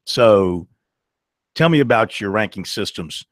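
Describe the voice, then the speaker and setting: A man's voice: lowish voice, animated, measured pace, no room sound, clean studio sound. A man in his thirties hosting a sports talk show, emphatic and ranting, laughing easily. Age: 30s. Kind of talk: opinionated sports talk radio.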